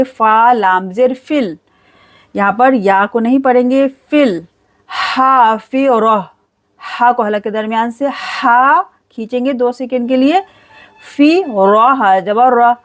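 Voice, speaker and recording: Her voice leans high as she teaches Quran recitation gradually, naming the letters before reciting each word at a slow, stretched-out pace.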